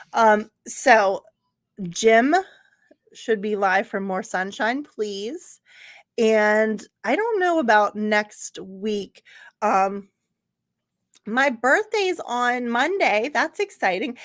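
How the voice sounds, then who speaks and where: A woman's voice: on the high side, fairly bright tone, no room sound, clean studio sound. A woman hosting a casual livestream from a room at home, chatting in a rambling way, answering viewers by name and laughing often. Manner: laughs often, trails off mid-sentence. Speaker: livestream host. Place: home room with computer screens.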